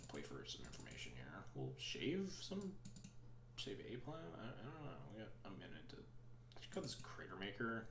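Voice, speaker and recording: A lower-voiced man talks to his stream while he plays a card game, rambling and thinking aloud with a dry, sarcastic edge. His pitch swings up and down a lot as he reasons through each move. The sound is roomy, with a clear echo around him. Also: slight background noise. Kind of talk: casual live-stream commentary.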